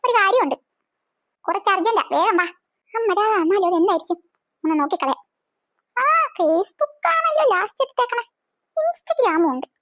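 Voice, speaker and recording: A woman's voice: very high voice, expressive, moderate pace, pauses often, fairly bright tone, no room sound, studio quality. A woman voicing a nosy, scheming little-sister girl who talks in an eager, snooping way in a cartoon. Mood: urgent. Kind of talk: cartoon voice acting.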